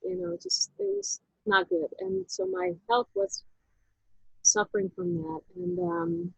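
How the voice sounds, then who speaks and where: A woman, telling her personal story as an interview guest in a halting, reflective way, with frequent restarts. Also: very high-pitched, steady tone, gravelly, no room sound, rough recording. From Netherlands.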